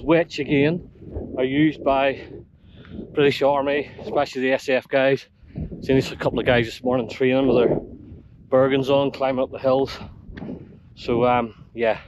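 Breathy hiking man on a windy hillside. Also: medium pitch, dull audio. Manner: chatty, hails viewers as legends. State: somewhat out of breath from climbing. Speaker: hiking vlogger. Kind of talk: casual walk-and-talk to camera. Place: outdoors on open hillside. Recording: outdoor wind and ambient noise.

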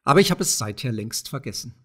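A man voicing a poor, frail old widow who speaks softly and mildly. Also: medium pitch, animated, quick pace. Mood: gentle. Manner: soft, mild, secretive.

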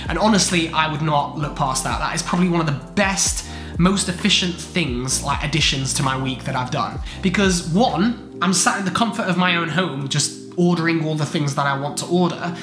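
Congested from a chest infection, this twenty-something medical student vlogs casually to camera about his week from a home study room, with plenty of gestures. He speaks at a normal speed in a slightly high voice, in a roomy space with background music.

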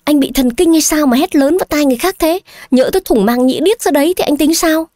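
A woman voicing an irritable, sharp-tongued young bride who scolds her husband, in an audio story. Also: a little high, animated, brisk, dry recording, clean studio sound, natural voice. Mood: irritated. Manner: snapping, scolding.

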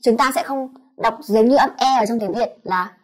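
Woman teacher, Vietnamese accent, somewhat high voice, spells out sounds one by one in a clear lesson. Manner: demonstrates sounds slowly, repeating each one. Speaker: English pronunciation teacher. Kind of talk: explanatory lesson.

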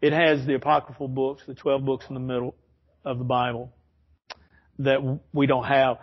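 A man's voice: mid-range voice, flat delivery, moderate pace, muffled recording. A man teaching an informal Bible study in a church, rambling and correcting himself as he explains. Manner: rambling, self-correcting, chuckles often. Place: church classroom.

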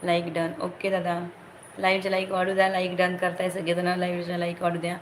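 A woman chats casually on a live stream, greeting each viewer and urging likes and shares. Her voice sits low and stays fairly flat. A faint hiss of background noise runs under her. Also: a little fast, low-quality recording. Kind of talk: casual live-stream chat reading comments.

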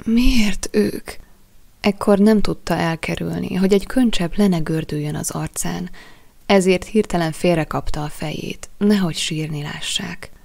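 A woman with a low, slightly gravelly voice narrates an audiobook. Her reading is measured and expressive, carrying the story forward at an even pace. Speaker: audiobook reader.

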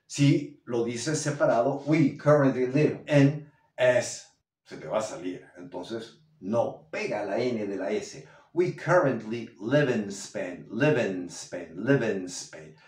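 A man teaching English pronunciation to Spanish speakers, drilling words by repetition in an animated way. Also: mid-range voice. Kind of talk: language lesson. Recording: roomy echo, somewhat far from mic.

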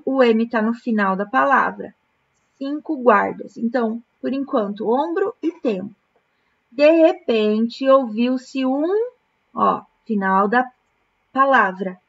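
Patient, slow-talking Brazilian woman teacher. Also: a little high, lo-fi sound, slight background noise. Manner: slow, patient, syllable-by-syllable explanation. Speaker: primary school teacher. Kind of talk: recorded remote lesson correcting exercises.

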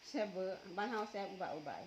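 Here the Isan-accented vlogger from northeastern Thailand, Tai Yo, talks at a racing pace in a medium-pitched voice. She eats while chatting casually and teasingly, with frequent laughter, over a slight hiss or hum.

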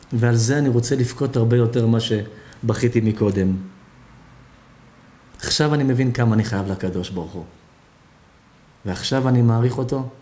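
A ninety-three-year-old man sobs out his gratitude in a sermon tale, voiced by a male preacher. He talks low and subdued, then breaks into sudden high, loud pleas. The tone stays tearful and earnest throughout. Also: natural voice. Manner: tearful, pleading.

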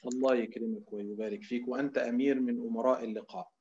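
A man teaching Quran recitation in an online lecture. He explains as he goes, gives drawn-out demonstration readings and fills his pauses with a filler word. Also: mid-range voice, steady tone, warm tone, muffled recording. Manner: often fills pauses with Egyptian "إيه".

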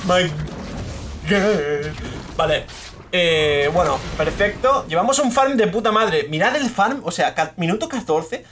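Young male gaming streamer, Spain accent, slightly high voice, fast excitable rants over noisy game sound. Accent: Spain Spanish. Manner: excitable, swears, frustrated rants at teammates. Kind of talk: live gameplay commentary.

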